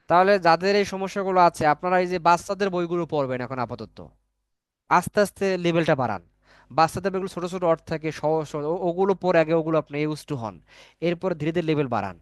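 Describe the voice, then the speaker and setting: Male teacher, slightly high, dry close sound, coaxing and repetitive. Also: fairly quick, no echo. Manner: coaxing, repetitive, asks students to answer. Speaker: spoken English teacher. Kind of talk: online class lecture.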